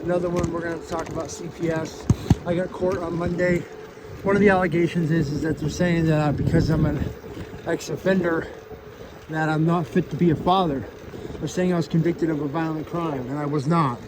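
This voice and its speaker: A man's voice: a little high, fairly even intonation, brisk. A man vlogging casually outdoors to his followers in an earnest, rambling, plain-spoken way, with a slight lisp from missing front teeth. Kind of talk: casual motivational vlog talk to followers. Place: outdoors on a bike trail, riding an electric bike. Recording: outdoors with loud wind and traffic noise.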